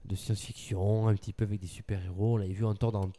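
This man's voice is very dark and mellow, sitting on the low side, and he talks fast with a flat delivery. Chatting casually about film news, he teases his co-host playfully, quizzing him and laughing often.

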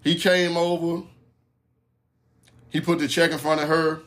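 Podcast host, man, slightly high-pitched, loose cursing slang, laid-back storytelling monologue. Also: level tone, measured pace, fairly bright tone. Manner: profane, loose slang, repeats "you know what I'm saying".

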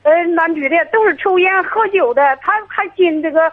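High, fast, halting woman on a tinny phone line. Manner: halting, hesitant, restarts often. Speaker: caller. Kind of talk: phone-in to an advice show.

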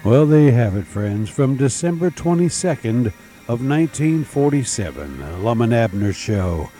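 An older man hosts in a folksy, rambling manner. His mellow voice rises and falls freely as he halts and reminisces, with faint music underneath. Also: medium pitch, sing-song, moderate pace. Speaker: old-time radio show host. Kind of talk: casual show introduction and reminiscing.

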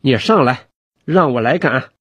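A man voicing a brisk, good-humoured county official who talks in a joking way. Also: mid-range voice, lively intonation, fairly bright tone, breathy edge, no echo.

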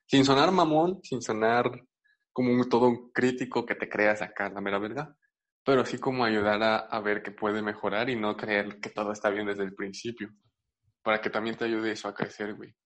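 Slangy Mexican guy co-hosting, relaxed casual chat. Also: on the low side, normal speed. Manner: laid-back, slangy. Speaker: podcast co-host.

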